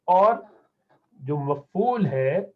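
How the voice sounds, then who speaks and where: A man teaching an Arabic lesson, patiently repeating words slowly so learners catch the pronunciation. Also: fairly high pitch, animated. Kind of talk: classroom lesson lecture. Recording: tinny phone-like lo-fi audio.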